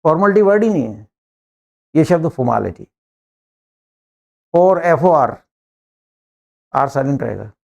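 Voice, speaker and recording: A lively middle-aged Indian man teaching English to a class, switching freely between Hindi and English. His voice sits a little high for a man. He speaks English with an Indian accent and stretches out the English phrases slowly. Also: gravelly, dull audio. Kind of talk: classroom lecture.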